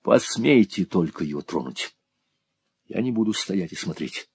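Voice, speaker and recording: Man as indignant young hero, husky, low, very expressive. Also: unhurried, no echo, studio quality, exaggerated voice. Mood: outraged. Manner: firm, defiant, rising to angry shouts. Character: young indignant male teacher, righteous.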